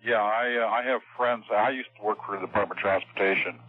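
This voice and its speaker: A man heard over the phone as a radio show guest, talking in a halting way with many fillers. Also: on the low side, fairly even intonation, husky. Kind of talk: call-in radio interview. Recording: tinny phone line.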